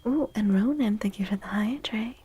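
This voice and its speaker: Chatting in a soft ASMR style on her livestream, a woman often drops into a whisper and sounds gentle, playful, cutesy and affectionate. Her voice is medium-pitched with a breathy edge, at a moderate pace.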